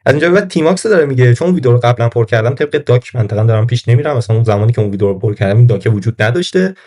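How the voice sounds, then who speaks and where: A man's voice: mid-range voice, expressive, a little mellow. A man giving a casual screen-recorded Linux tutorial, thinking aloud and correcting himself as he goes. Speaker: Linux course instructor.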